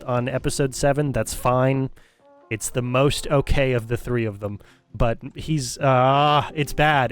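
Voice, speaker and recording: A man delivers a critical, opinionated rant in the loose style of a live stream. He repeats and restarts phrases as he thinks aloud. Faint background music plays behind his voice. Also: medium pitch. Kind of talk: casual livestream commentary.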